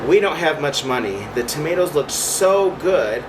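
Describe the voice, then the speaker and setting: A man's voice: a little high, expressive, normal speed, natural voice. A man reading a picture book to young children, voicing an earnest young boy. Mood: apologetic, earnest. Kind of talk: storybook read-aloud for young children. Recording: distant mic, clear background hum.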